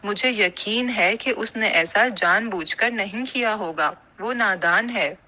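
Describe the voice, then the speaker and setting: A woman doing a gentle wise mother pigeon. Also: medium pitch, natural voice, low-quality recording. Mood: caring. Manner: gentle and advising. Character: kind motherly female pigeon, wise elder. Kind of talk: animated cartoon voice acting.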